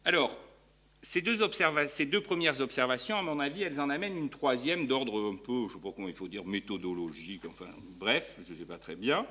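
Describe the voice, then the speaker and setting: A man's voice: mid-range voice, animated, fairly quick, sharp tone. A man giving an academic conference talk as a law professor, hesitant, with frequent fillers and restarts. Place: university lecture hall.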